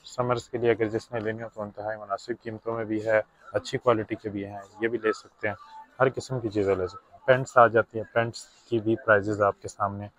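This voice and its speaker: A young Pakistani vlogger films himself on a handheld phone while shopping in a big indoor discount store, chatting casually to viewers, sprinkling in English words and calling them brothers. His voice is lowish, fairly flat, a little fast and fairly bright, picked up by the phone in his filming hand with poor audio quality.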